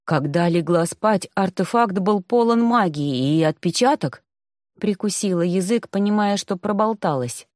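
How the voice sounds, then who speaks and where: A woman's voice: medium pitch, expressive, moderate pace, few pauses, darkish tone, no echo. Woman narrating an audiobook, close and dry. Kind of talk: scripted first-person narration.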